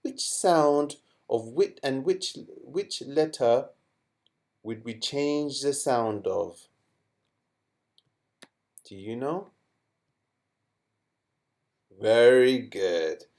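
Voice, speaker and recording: A man teaching a children's lesson in a playful, animated way. He speaks slowly and clearly, and his pitch leaps around expressively as he asks the class questions and makes sound effects.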